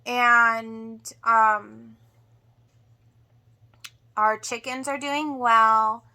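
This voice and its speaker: A woman giving a casual homestead update to viewers in a halting way, sounding drained and emotional after surgery. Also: fairly high pitch, fairly even intonation, bright, forceful tone, smooth. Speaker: homestead vlogger.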